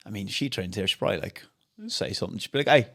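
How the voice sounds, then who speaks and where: A man's voice: on the low side, racing, gravelly, pushed and bright. A young man, a podcast co-host, telling a funny story in casual chat with lots of laughing and swearing.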